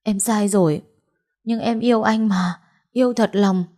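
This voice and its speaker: A woman's voice: medium pitch, steady tone, a little slow, mellow, pitched above the performer's own voice, close to an everyday voice. A woman reading the part of a scheming mistress who sobs and pleads in a raised voice. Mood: begging. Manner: sobbing, pleading. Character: scheming young mistress, tearful and desperate.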